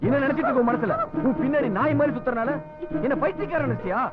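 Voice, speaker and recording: A man dubbing a pushy, quick-tempered rejected suitor in film dialogue, pleading and then hurling insults. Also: extremely high pitch. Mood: angry. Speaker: dubbing actor. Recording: tinny lo-fi film audio with music score.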